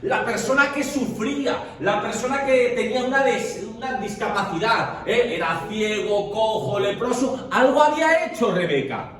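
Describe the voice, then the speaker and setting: A man with a high-pitched, slightly bright voice leads a Bible study group, explaining at length in an unhurried way with hardly any pauses and often checking in with listeners. He sounds far from the mic in an echoey room, with faint noise.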